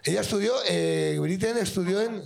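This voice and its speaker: High gravelly-voiced man hosting a live comedy game. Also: moderate pace. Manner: loud, teasing, joking with the audience. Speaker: comedy show host. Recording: live venue with audience crowd.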